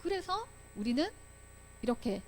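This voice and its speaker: A high-voiced woman leads a children's Bible lesson in an animated way. She keeps asking the children questions and acts out the voices of the people in the story. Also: measured pace, a little hiss or hum. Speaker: Sunday school teacher.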